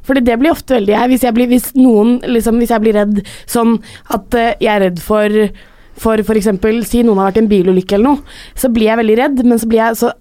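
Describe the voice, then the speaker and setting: A woman's voice: on the high side, steady tone, hardly any pauses, dark tone, dry recording. Rambling young woman on a podcast. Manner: rambling, restarts, mixes in English words. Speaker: podcast co-host. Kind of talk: casual chat.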